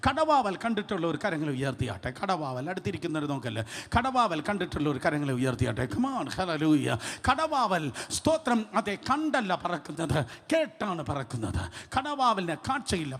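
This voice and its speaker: A male pastor preaching a charismatic sermon, calling out to the congregation, repeating phrases and swinging from shouts to hushed asides, with English phrases mixed in. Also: high voice, big pitch swings, moderate pace, few pauses. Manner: shifts between loud shouting and hushed asides.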